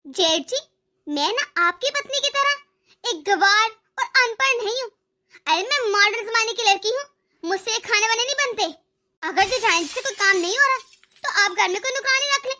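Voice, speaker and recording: Woman doing spoiled young bride, haughty and demanding, very high voice, bright, animated cartoon. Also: moderate pace, heavily acted.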